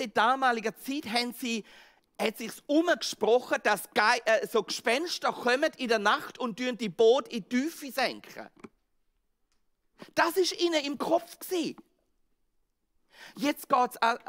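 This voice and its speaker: A male pastor with a Swiss German accent preaching a sermon, acting out the scene with sudden swings from loud outbursts to hushed words. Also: extremely high pitch. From Switzerland. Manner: dramatic, acts out the disciples' panic and Jesus' words, swings from loud to hushed.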